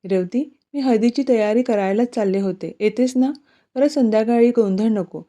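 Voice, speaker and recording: A woman voicing a busy, cheerful older relative who speaks in a brisk, friendly way, in a storybook reading. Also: on the high side, warm tone, natural voice.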